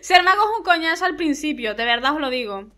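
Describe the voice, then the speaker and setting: A woman with a Spain Spanish accent hosting a casual let's-play, excitable and self-mocking, swearing freely. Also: high voice, quick pace. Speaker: gaming channel host.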